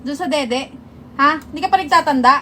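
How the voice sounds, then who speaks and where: A woman's voice: high-pitched, brisk, bright, forceful tone, a little hiss or hum. A woman quizzing her partner in a casual argument, probing and accusing.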